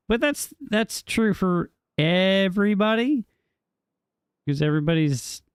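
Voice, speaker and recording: A man with a creaky, slightly mellow medium-pitched voice, clear and resonant, talks casually with viewers while playing live. He rambles, answering chat full of ums and restarts, in clean studio sound with no echo.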